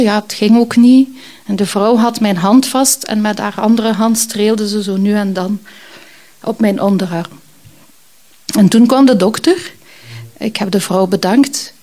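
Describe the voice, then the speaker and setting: Woman recalling a trip, soft mellow tone, fairly high voice, lots of ehms. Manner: reflective, hesitant, many fillers. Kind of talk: personal storytelling.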